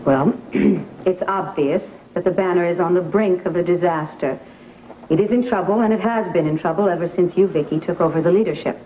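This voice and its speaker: An actress playing a scheming, formal rich woman who speaks in measured, slightly haughty phrases, in a 1980s TV soap opera heard from a worn VHS tape copy. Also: lowish voice. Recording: dull, hissy worn VHS tape audio.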